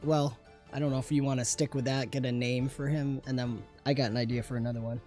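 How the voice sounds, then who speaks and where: A man co-hosting a livestream and brainstorming tabletop game characters, enthusiastic and quick to laugh. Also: medium pitch, level tone, dark tone, faint music behind. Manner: giggly, enthusiastic. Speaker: game designer co-host.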